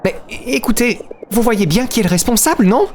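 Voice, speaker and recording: A man playing a bratty young woman in a game, pitched sharply high and accusing everyone around her. Her talk has a lively, jumpy rise and fall. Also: a little fast, a little hiss or hum. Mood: indignant. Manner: indignant, accusing. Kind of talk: voicing game dialogue.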